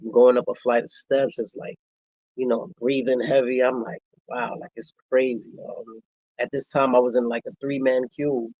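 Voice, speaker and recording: A man, telling a personal story in a reflective, halting way, with many pauses and fillers. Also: medium pitch, level tone, darkish tone, no echo, rough recording. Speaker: vlogger.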